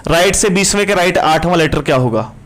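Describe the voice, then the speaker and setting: Hindi-speaking teacher quizzing students. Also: male voice, sits high, animated, a bit bright. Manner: brisk, repetitive questioning of students. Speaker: reasoning teacher. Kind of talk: live online class.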